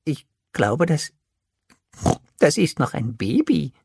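A man voicing an excitable young male bush pig in a children's audiobook, in a high squeaky voice. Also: takes it slowly, gravelly, husky, no echo, studio quality, heavily acted. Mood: excited. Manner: eager and easily upset.

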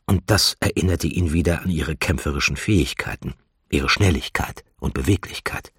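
Male audiobook narrator, measured storytelling, low voice, very husky, dry. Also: no echo. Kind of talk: scripted narration.

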